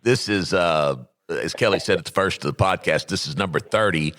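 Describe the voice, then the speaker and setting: A man's voice: deep voice, brisk, fairly bright tone. Folksy, rambling storyteller man. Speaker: food supplier guest. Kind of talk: casual podcast storytelling.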